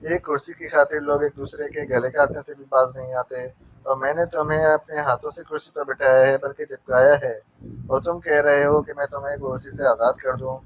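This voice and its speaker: A man's voice: a little high, level tone, brisk, no echo, close to an everyday voice. A man voicing a male spy who mocks his captive with silly, teasing wordplay, in an audio novel. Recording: dull dry narration recording.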